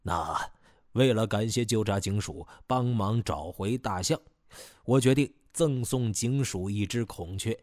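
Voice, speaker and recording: A man doing a gushing flatterer. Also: on the low side, unhurried, no room sound, clean studio sound, close to an everyday voice. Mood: flattering. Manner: effusive, flattering.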